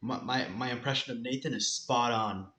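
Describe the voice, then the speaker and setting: A man's voice: mid-range voice, normal speed, bright, forceful tone, roomy sound, slight background noise. A teenage boy co-hosting a casual chat, playful and given to mock-indignant rants. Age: teens. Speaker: podcast co-host.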